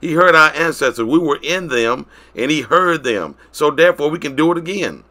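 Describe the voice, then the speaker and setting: A man preaching a sermon, moving between loud declarations and quiet, drawn-out phrases. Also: a little high, animated.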